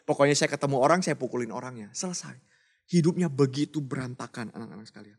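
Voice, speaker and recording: A man preaching a Bible story to children, telling it with lively rises and soft hushed endings. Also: mid-range voice, quick pace, slightly rough.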